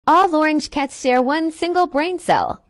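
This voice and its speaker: A woman reading short captions over video clips in a brisk, sing-song way. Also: high-pitched, no echo, clean studio sound.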